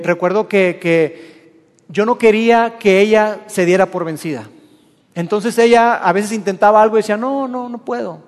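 High-voiced Mexican pastor preaching. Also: male voice, big-room sound. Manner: storytelling with personal anecdotes, addressing the congregation. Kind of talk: sermon. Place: church.

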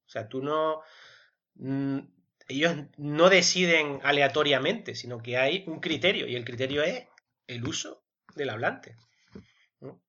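A man co-hosting a casual podcast, explaining at length in a bright, forceful voice. He thinks aloud with fillers and keeps checking in with little tag questions. The recording is dull and lo-fi. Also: on the high side, a little slow. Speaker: podcast co-host.

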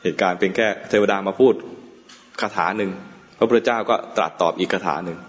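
A male Buddhist monk gives a dharma talk in a low, unhurried voice, slipping in light jokes and soft chuckles. His words ring out with a long hall reverb. The sound is dull and muffled. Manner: relaxed, joking asides with frequent chuckles. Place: meditation hall.

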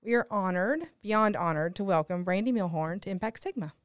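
A woman's voice: mid-range voice, a little fast, clear, resonant tone, no echo, clean studio sound. A woman hosting a podcast with casual, chatty talk. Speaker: podcast host. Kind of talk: casual podcast chat and introductions.

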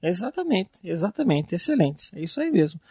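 A Brazilian man with a slightly raised pitch talks through matters of faith in an earnest, reflective way. He draws his words out and leans on fillers. The sound is close and dry. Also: big pitch swings, a little fast, dark tone, slightly rough, no echo. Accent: Brazilian Portuguese. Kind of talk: casual faith discussion.

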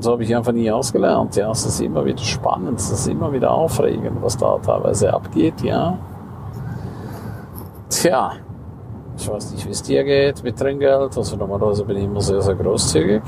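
A man's voice: mid-range voice, creaky, background noise. A man hosting a casual podcast monologue, ranting indignantly and often ending with tag questions. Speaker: podcast host and coach.

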